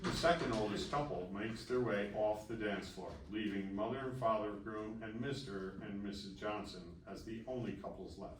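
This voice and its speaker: Speaking at a fairly low pitch and a moderate pace with few pauses, a man narrates stage directions from a script at a festival table read in a room. The recording is echoey, with a distant mic and faint background noise.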